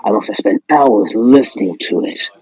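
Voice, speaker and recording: A man with a gravelly, husky voice reads a horror story in a playful spooky manner, sweary and irreverent, with joking asides. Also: on the low side, expressive, moderate pace, darkish tone, no echo, rough recording. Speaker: host reading a spooky story. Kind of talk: scripted horror narration broken by casual joking asides.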